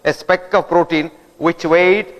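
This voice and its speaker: A man's voice: on the high side, fairly even intonation, measured pace, dull audio. A man giving a didactic lecture, often throwing rhetorical questions at the audience. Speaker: guest lecturer. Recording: long hall reverb.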